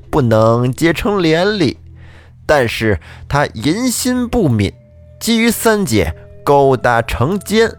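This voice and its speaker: A man voicing a stern, imperious county magistrate who rebukes the court and lays out his verdict. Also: fairly high pitch. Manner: commanding, bellowing rebukes.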